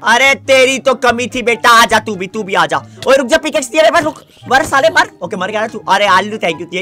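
Excitable young man narrating Minecraft play. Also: high voice. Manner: excitable, chatty, talks to the game. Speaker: gaming YouTuber. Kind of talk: Minecraft let's-play commentary.

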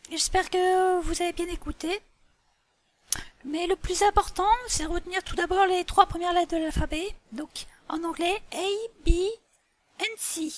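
A woman voicing a patient, slightly muddled female animal schoolteacher in a toy play, slow and didactic with many fillers. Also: extremely high pitch, no echo. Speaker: teacher. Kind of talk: toy role-play lesson.

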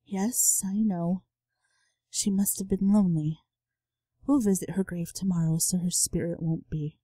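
Remorseful father, hushed and low, voiced by a woman, slow delivery. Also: fairly even intonation, husky, no echo, clean studio sound. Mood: sorry. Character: remorseful father, soft and apologetic. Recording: game music underneath.

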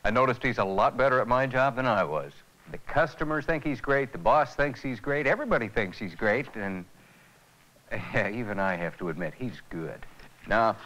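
A man's voice: mid-range voice, moderate pace, low-quality recording. A man in a 1980s educational film, talking earnestly and reflectively about what he has learned. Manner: earnest, reflective, lively intonation. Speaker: lead character in a training film.

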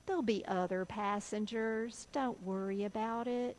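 Humble kind cab driver guy, a lady preacher doing him, plain reassuring talk, unhurried. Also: medium pitch, steady tone, a little mellow, close to an everyday voice, rough recording. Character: kind middle-aged male taxi driver, humble.

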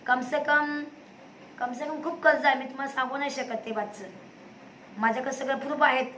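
A woman's voice: on the high side, a bit bright. A woman, telling her own story to viewers in an emphatic, repetitive, indignant way. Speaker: vlogger, single mother. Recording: echoey room with faint noise.

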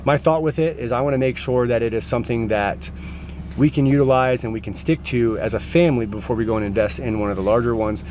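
This casual vlog comes from a gym owner, an American man in his thirties, who talks fast in a mid-range, slightly dark voice. He's first out on a forest trail, then inside a car, with clear outdoor and vehicle noise behind him.

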